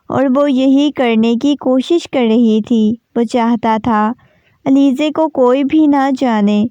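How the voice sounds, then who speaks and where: A woman reading a romance novel aloud in a steady, even storytelling narration. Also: high voice, no room sound. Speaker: novel reader. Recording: dull lo-fi recording.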